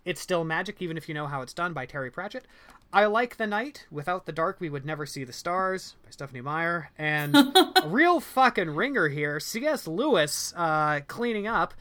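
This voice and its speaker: A co-host talking casually on a book discussion podcast at an average pitch. The delivery is loose and blunt, full of fillers, with the odd casual curse. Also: sing-song, normal speed, fairly bright tone. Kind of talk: casual chat.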